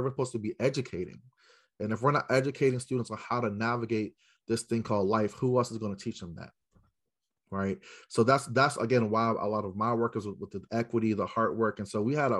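An American man, an educator speaking as a podcast guest, tells stories emphatically and puts rhetorical questions straight to his listeners. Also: fairly low pitch. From South Central Los Angeles, United States. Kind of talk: storytelling interview answer to a live audience.

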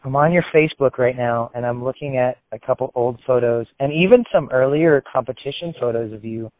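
A podcast host talks bluntly and animatedly in a casual chat, swearing often, with a fairly quick, medium-pitched male voice. The recording is dry with no echo, and it sounds tinny, like a phone line.

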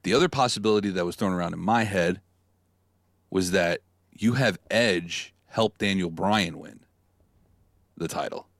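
A man with a low voice talks casually as a co-host, laying out his predictions with animation and now and then mimicking catchphrases. The recording is dry and close, with no echo. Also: measured pace, pauses often, a bit bright. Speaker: podcast co-host. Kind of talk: casual chat.

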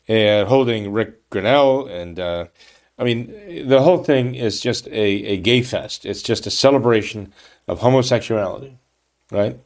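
Indignant low-voiced male commentator. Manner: emphatic, indignant, with frequent restarts and "okay? right?" tags. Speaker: political commentator. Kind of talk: monologue reading and commenting on a news article.

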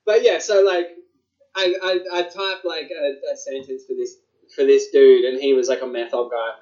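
A man's voice: medium pitch, fairly even intonation, normal speed, darkish tone. A man with an Australian accent chatting casually as a podcast co-host, swearing and using plenty of slang. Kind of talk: casual chat. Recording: dull, lo-fi sound.

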